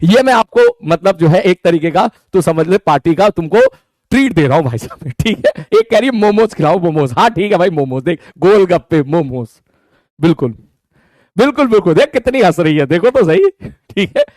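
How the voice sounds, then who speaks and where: A male teacher with a lilt, joking with his online class. His voice sits high and leaps around in lively swoops. He talks close to the mic in a dry room with no echo. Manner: playful teasing, repeats words in rapid runs; breaks into high mock voices when quoting students. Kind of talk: casual live online class banter.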